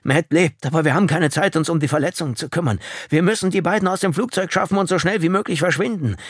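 An injured man fighting panic after a plane crash, his voice forced up high and near shouting. He is strained and in pain, every phrase urgent. A male narrator performs him in a dry, close recording. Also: very slow, breathy edge, no room sound, heavily acted.

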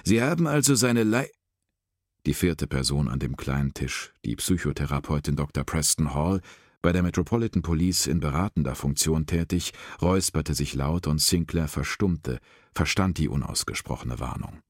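A man narrating an audiobook in a very low, deep voice. He reads evenly and steadily, close to the mic. The sound is dry, with no room. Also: normal speed, breathy edge, dry recording.

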